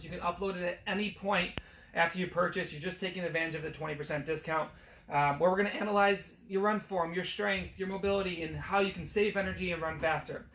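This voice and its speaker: Hoarse high-voiced physical therapist. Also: male voice, fairly bright tone. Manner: explains step by step, many fillers. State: losing his voice. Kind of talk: casual instructional talk. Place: on a treadmill. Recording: echoey room with faint background noise.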